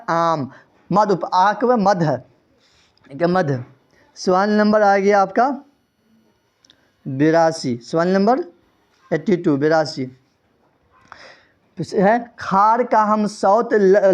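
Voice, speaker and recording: A man's voice: sits high, muffled recording. A man teaching an exam-prep quiz lesson. He reads out the answer options and repeats each question to his students.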